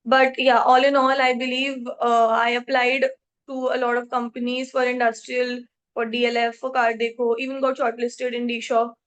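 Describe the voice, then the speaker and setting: Young woman, Indian accent, high voice, articulate, self-assured, podcast guest answering questions. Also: flat delivery, moderate pace. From Jaipur, India. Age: 20s. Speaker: podcast guest, accountancy trainee. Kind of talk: interview answers about career.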